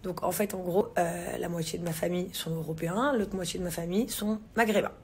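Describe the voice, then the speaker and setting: Holding her phone camera at arm's length in a large living room, an English-born woman in her thirties chats to her followers a little fast, her lowish voice steady in tone. She uses lots of fillers, slang and restarts, and there's slight background noise.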